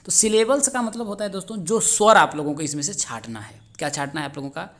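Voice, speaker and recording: A man's voice: sits high, fast talker, a bit bright. A friendly male tutor talks his viewers through a test paper one question at a time. He answers each question and then asks it again, rhetorically, before he confirms the answer. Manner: keeps asking the answer back as a rhetorical question. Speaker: exam-prep teacher on a video channel. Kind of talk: explaining exam answers step by step.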